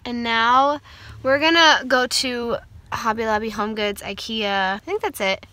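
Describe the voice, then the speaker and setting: High-voiced young mom vlogging. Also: female voice, steady tone, unhurried, pushed and bright. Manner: chatty, asks a toddler questions. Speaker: mother and vlog host. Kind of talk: casual home vlog chat.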